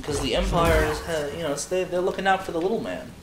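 A man's voice: a little high, fast. A man hosting a let's play, joking and sarcastic in casual gaming commentary. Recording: echoey room with background noise.

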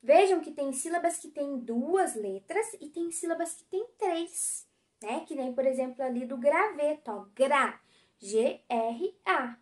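A woman teacher with a Brazilian Portuguese accent giving a recorded class for children, speaking clearly and patiently and sounding out syllables. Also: sits high, expressive, normal speed, a little mellow.

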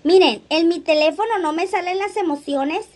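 A woman's voice: very high-pitched, normal speed, darkish tone. A woman hosting a casual livestream, chatting, laughing often and reading viewers' comments aloud. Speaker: livestream host.

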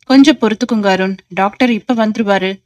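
A woman reading the lines of a caring, anxious young woman, soft and tender. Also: mid-range voice, brisk, dry recording, clean studio sound, lightly acted.

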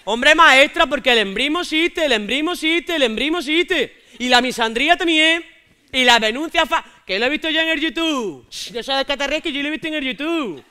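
A woman's voice: high voice, lively intonation, a little fast, pushed and bright. A woman playing a brash young heckler from Jaén. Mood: indignant. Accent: Andalusian, from Jaén. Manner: brash, indignant, keeps calling out "maestra". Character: cocky loudmouth young man heckling from the audience. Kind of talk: stand-up character sketch on stage.

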